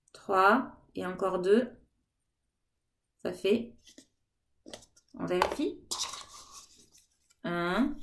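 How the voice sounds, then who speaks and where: A woman teaching a remote lesson to kindergarten children, gently encouraging and counting aloud with them. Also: mid-range voice, noisy background.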